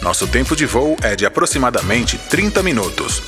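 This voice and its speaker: A man's voice: medium pitch, big pitch swings, fairly quick. A man playing an airline pilot on the cockpit intercom. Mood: announcing. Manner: formal announcer delivery. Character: adult male airline pilot making a cabin announcement. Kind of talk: scripted podcast intro. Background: music.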